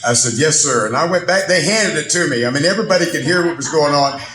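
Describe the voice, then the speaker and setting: A man's voice: a little high, fast, fairly bright tone, roomy sound. A man, a singer-songwriter, telling folksy family stories and laughing often. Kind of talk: storytelling with a song.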